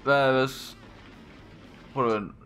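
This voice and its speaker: A man's voice: medium pitch, fairly even intonation, a bit bright, slight background noise. Danish-speaking man streaming a game. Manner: reads game dialogue aloud, swears and laughs. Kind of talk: casual live game commentary.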